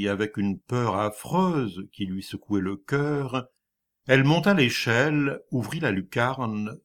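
Slow, dramatic male storyteller. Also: medium pitch, fairly bright tone. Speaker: narrator. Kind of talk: literary story reading.

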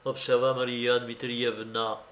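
A man narrating an audiobook in a measured, even storytelling manner. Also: medium pitch, slight background noise. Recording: roomy echo.

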